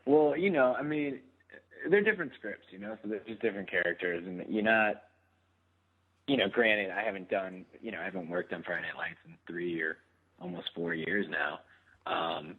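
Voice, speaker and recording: A man in his thirties talks casually as an interview guest. He rambles through plenty of fillers and laughs easily. His slightly low, husky voice comes through a thin, phone-like line. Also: normal speed. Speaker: guest actor.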